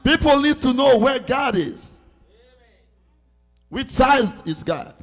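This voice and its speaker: At a church service, a high-voiced man gives live consecutive interpreting of a sermon, echoing the preacher in short phrases and haltingly searching for words. His intonation is lively and a bit bright, with soft music behind him.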